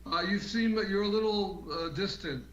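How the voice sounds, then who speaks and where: A slightly high-voiced man on a remote call, muffled and far off as if speaking through a wall. His treatment-room audio is roomy and dull. He talks casually and hesitantly, with many fillers. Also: normal speed, fairly bright tone. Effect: muffled and distant, as if through a wall. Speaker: guest healer on a call-in show. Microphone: remote computer call.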